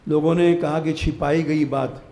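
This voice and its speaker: A man's voice: on the high side, steady tone, a little slow, gravelly, warm tone, roomy sound. An older man giving a live devotional discourse as a spiritual teacher, urging his listeners firmly to wake up and keep their vows. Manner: exhorting, commanding listeners to wake up. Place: temple hall, live gathering.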